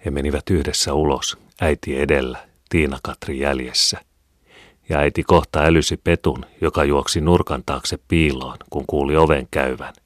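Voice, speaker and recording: Man, audiobook narrator, very deep voice, dry close mic, calm measured reading. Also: dry recording. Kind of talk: scripted narration.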